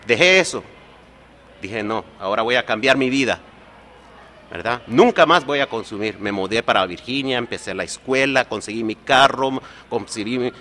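Speaking in a mid-range, slightly bright voice over a faint hiss or hum, a US-born man gives sincere, confessional testimony at a recovery meeting, repeatedly adding "¿verdad?".

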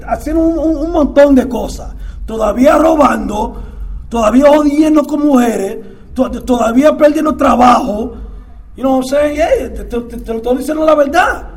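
A middle-aged Dominican man telling his recovery story in casual, repetitive talk, dropping English fillers into his Spanish and swinging between quiet murmurs and loud outbursts. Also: very high-pitched, moderate pace. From Dominican Republic. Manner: mixes English fillers into Spanish, stammers and repeats words. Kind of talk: casual testimony.

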